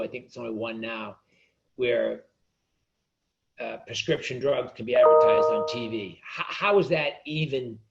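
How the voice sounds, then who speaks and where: Gravelly-voiced man ranting passionately. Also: medium pitch, lo-fi sound. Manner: passionate, ranting, repeats words. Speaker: author and guest. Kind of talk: casual interview chat.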